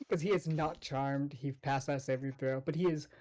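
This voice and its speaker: A woman improvising narration as game master of a tabletop game, animated and informal. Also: very deep voice, slow pace.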